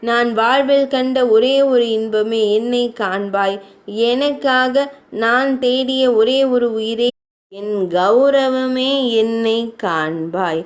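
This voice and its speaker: A woman's voice: a little high, steady tone. A woman voicing a grieving king in lament. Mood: pleading grief. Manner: lamenting, slow and mournful. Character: grief-stricken young king mourning his wife.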